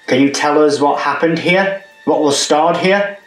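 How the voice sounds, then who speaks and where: A man's voice: on the high side, a little slow. A man in his thirties on a ghost-hunting vlog, talking as a paranormal investigator and calling out questions to spirits. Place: large empty indoor rooms at night. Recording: echoey rooms, music underneath. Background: music.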